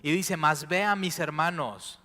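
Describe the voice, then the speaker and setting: Impassioned pastor, bright voice. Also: male voice, a little high, unhurried. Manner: swings between hushed and loud impassioned preaching. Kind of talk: sermon. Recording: long hall reverb.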